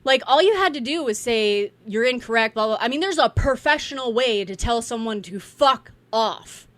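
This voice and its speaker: A woman's voice: fairly high pitch, lively intonation, normal speed, a bit bright, dry recording. A woman giving a blunt, profane, exasperated political rant in a casual, unscripted way. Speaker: political commentator.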